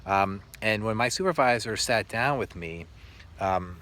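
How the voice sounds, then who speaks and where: Low-voiced man telling reflective stories. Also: lively intonation, sharp tone. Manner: earnest, halting, with frequent pauses. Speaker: teacher. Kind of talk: reflective storytelling monologue.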